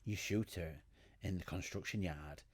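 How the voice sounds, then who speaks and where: A man's voice: low voice, unhurried, breathy edge. A man giving casual, joking commentary as he plays a game. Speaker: gamer commentating on a playthrough. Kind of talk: casual joking banter over gameplay.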